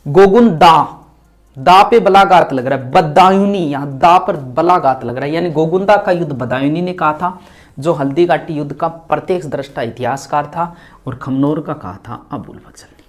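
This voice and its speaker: A man's voice: on the high side, moderate pace. Male teacher drilling exam facts. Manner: explains with memory tricks, stresses key words. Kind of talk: exam-prep lecture.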